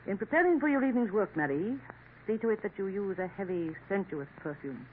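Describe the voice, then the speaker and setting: An actress voices a sly, worldly Parisian café schemer in a 1950s radio play, coaxing knowingly and sprinkling in French endearments. She speaks fairly quickly in an expressive, mid-range, nearly everyday voice. The old broadcast sounds tinny with a faint hiss.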